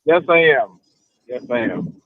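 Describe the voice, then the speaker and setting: A man calling in by phone from his car to pledge a donation, giving short, brisk replies over a clipped phone line. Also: mid-range voice, big pitch swings, dry recording. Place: in a car, driving. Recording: tinny, distant phone line.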